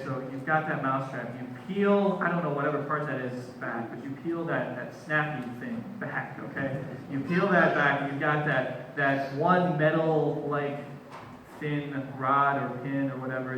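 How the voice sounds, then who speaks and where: A man's voice: medium pitch, background noise. A male pastor giving a sermon, emphatic and conversational, sometimes acting out quoted speech. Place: church sanctuary. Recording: echoey church, mic far off.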